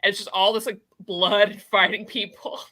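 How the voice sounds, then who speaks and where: A woman with a bright, forward voice co-hosts a casual comic book chat. She is gushing and enthusiastic, and slips into quoting characters as she retells the story. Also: mid-range voice, little pitch movement, moderate pace. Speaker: co-host of a comic book review show.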